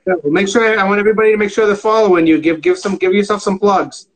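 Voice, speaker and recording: Brief: 40s male host, husky slightly high voice, chatty and easygoing, phone live stream from home. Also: fairly even intonation, fast talker. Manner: chatty, easygoing, asks lots of questions. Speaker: host of an online live chat. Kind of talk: casual live-stream chat. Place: home room, indoors. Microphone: phone at arm's length.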